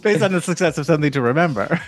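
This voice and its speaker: A man's voice: on the high side, animated, very fast, soft background music. A man co-hosting a casual podcast, playfully reading quiz questions and laughing along. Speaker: podcast co-host. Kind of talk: casual chat.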